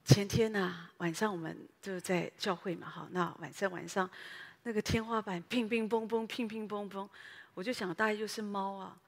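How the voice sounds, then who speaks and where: Husky woman pastor preaching in a hall. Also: mid-range voice, moderate pace. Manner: lively storytelling, addresses the congregation directly. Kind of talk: sermon. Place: church.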